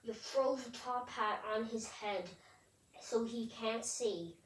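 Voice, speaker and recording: A woman's voice: a little high, takes it slowly, far from the mic. A woman giving simple, made-up answers for a storytelling game. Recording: echoey room, off the mic.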